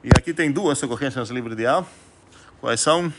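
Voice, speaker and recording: A man's voice: mid-range voice, normal speed, heavy background noise. Man thinking aloud in a lecture. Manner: thinks aloud, many fillers and self-corrections; asks students rhetorical questions. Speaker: math lecturer. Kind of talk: recorded whiteboard lecture.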